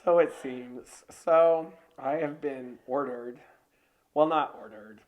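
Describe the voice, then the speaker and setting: A man's voice: mid-range voice, slow, lo-fi sound. Dry-witted man co-hosting a chat show. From Utah. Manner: dry, teasing quips. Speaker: co-host. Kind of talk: casual chat.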